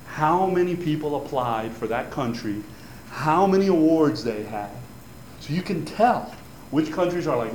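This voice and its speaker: A Cuban-born man who speaks Spanish natively gives an info session as an advisor, talking informally to students about a grant program in a chatty, rambling way full of fillers and restarts. His voice is medium-pitched and a little mellow, recorded in an echoey room with an audience and faint background noise.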